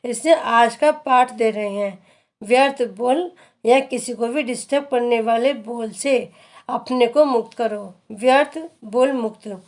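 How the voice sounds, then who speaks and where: A woman reading a daily spiritual discourse aloud in a measured, earnest, instructive way. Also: on the high side, darkish tone. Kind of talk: slow devotional reading.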